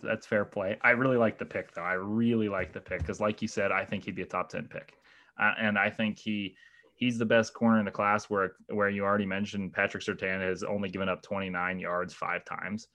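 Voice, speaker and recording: Troubled by hiccups, a guest analyst works through football draft picks in a relaxed podcast conversation, thoughtful yet hesitant and full of fillers and restarts. His delivery is flat and fairly quick, in a lowish, slightly bright voice.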